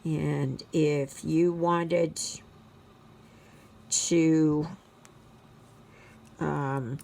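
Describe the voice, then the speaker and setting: This sixty-something stitching host from Canada talks as she sews at home in a deep, creaky voice with fairly even intonation. She's slow and reflective, rambling with plenty of fillers and quietly murmuring to herself.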